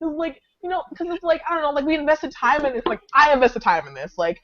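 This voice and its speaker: A woman's voice: high voice, lively intonation, fast talker, a bit bright, lo-fi sound. A woman ranting to friends on a live online call, frustrated and swearing, with "like" between nearly every phrase. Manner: frustrated, profane, filler-heavy ranting. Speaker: fan in a live discussion. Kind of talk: casual group chat rant. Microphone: video call.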